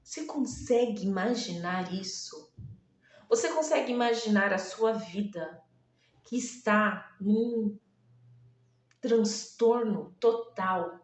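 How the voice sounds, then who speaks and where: A woman preaching an emotional sermon, pleading and dramatic, with long pauses. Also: mid-range voice. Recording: echoey room, distant from mic.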